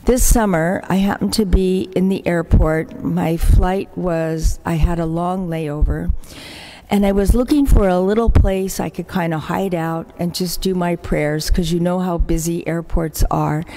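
A woman's voice: lowish voice, steady tone, unhurried. An older woman, a religious sister, telling stories of her community's work in an appeal at Mass, acting out the people she quotes. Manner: warm-hearted anecdotal storytelling, acts out quoted voices. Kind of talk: storytelling church appeal. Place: large church. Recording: echoey church hall.

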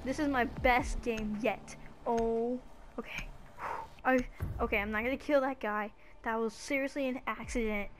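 A young woman commenting on her own console match, excitable and often gasping in disbelief. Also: on the high side, moderate pace. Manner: excitable, keeps gasping oh my god. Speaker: gaming channel host. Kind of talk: live gameplay commentary. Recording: noisy game audio mixed in.

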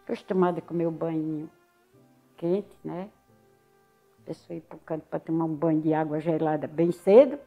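A woman's voice: deep voice, normal speed, long pauses, muffled recording, soft background music. An older woman with a Northeastern Brazilian accent from Alagoas, telling her story in a casual interview and acting out what others said. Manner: lively storyteller who acts out other people's words.

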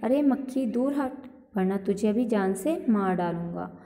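एक महिला कहानी में गुस्से वाले शेर, जंगल के राजा, की बातें पढ़ती है, रौबदार अंदाज़ में।. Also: female voice, medium pitch, expressive, a little slow, warm tone. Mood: angry. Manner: threatening, gruff. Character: angry male lion, king of the jungle. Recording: echoey hall reverb.

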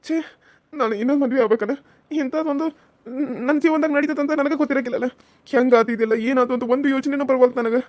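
A meek young farmer man from a cartoon serial, as a woman plays him, pleads and frets. He talks fast, and the voice sits a little high for a man. The recording is dry and close. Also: steady tone, no room sound, close to an everyday voice. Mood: distressed. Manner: pleading, helpless. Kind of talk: cartoon voice acting.

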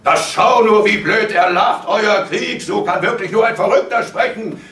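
A man reading aloud, voicing a furious, bullying father who shouts in a high, strained voice at a live reading. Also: moderate pace. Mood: raging. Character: enraged elderly father, bullying and contemptuous. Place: cinema hall, live reading. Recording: roomy hall, mic far off.

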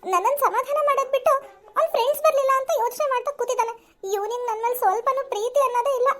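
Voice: extremely high pitch, rapid-fire, a bit bright. Someone voicing a whiny young cartoon bride-to-be. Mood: weepy complaining. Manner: whiny, weepy, possessive. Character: fretful young woman, Bharat's bride-to-be.

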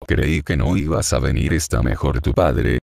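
A man's voice: extremely low pitch, normal speed, vocal fry, a little mellow, no echo, studio quality, heavily acted. A man voicing a frail, frightened teenage boy who pleads tearfully, in a storybook reading. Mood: pleading, fearful.

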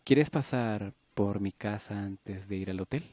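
A man reading an audiobook, voicing a proud, wry young male actor in a low, even voice. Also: a little slow, no echo. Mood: warm. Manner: dry, wry, guarded.

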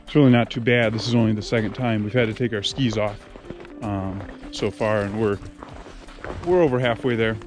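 A young outfitter vlogger films himself ice fishing in a shelter, then skiing on a snowy outdoor trail, narrating as he goes in an upbeat, chatty style. His fairly low voice is steady and at normal speed, heard over music through an action camera held close or mounted on his body.

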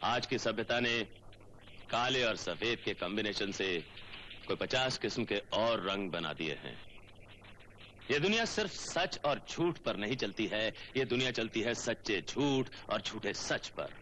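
An actor playing a cynical middle-aged senior lawyer who lectures slowly and slyly, in 1980s film drama dialogue. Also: male voice, on the low side, expressive, bright, forceful tone, highs cut off, a little hiss or hum. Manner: lecturing, sly, drawn-out delivery. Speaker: senior lawyer heading a law office.

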